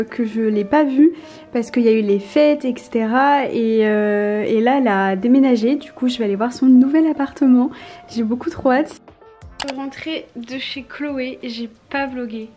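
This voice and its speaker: A young French vlogger, in her twenties, talks to the camera indoors at home in a fairly high, warm voice. She chats casually, with many fillers and hesitations, while music plays behind her.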